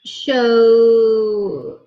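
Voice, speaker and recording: A young woman with a highish, warm voice teaches an English lesson very slowly, patiently explaining words and asking "okay?" after each point. It's a clear ESL explanation, recorded with a slightly dull, lo-fi sound.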